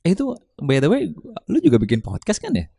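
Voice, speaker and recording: A man with hosting a podcast, chatty and teasing, reacting with quick comments. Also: fairly high pitch, wildly swooping pitch, gravelly, warm tone, slightly rough, no room sound, clean studio sound. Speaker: podcast host. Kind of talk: casual podcast chat.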